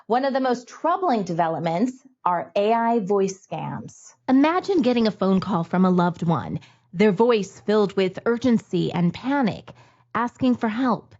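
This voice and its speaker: A woman narrates a news segment from a script, steady and measured. The audio has a slightly muffled, lo-fi quality. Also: mid-range voice. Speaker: news anchor.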